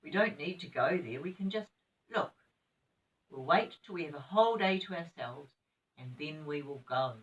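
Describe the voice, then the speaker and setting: Eager young storybook children, keen on a secret adventure, as a sweet old lady reads them. The accent is New Zealand and the delivery is expressive. The sound is a little off the microphone. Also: sits low, moderate pace, far from the mic, lo-fi sound. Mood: planning.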